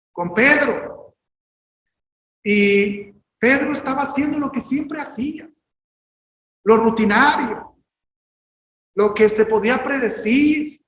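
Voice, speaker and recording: A male pastor preaching a sermon, emphatic and at times rising to shouted exhortations. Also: high voice, echoey room, a little hiss or hum, low-quality recording.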